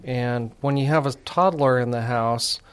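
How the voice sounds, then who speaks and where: Smooth-voiced middle-aged male radio host. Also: mid-range voice, unhurried. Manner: easygoing, reminiscing, prompting the guest. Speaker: radio talk show host. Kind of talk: relaxed radio interview chat.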